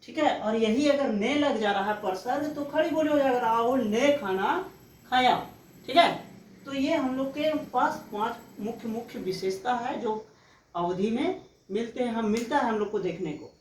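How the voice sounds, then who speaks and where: Female teacher, slow patient lecture, slightly high voice, roomy distant mic; read as a lesson. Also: darkish tone, a little hiss or hum. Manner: slow, explanatory, often checks with "ठीक है". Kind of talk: exam-prep lecture. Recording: echoey room, mic far off.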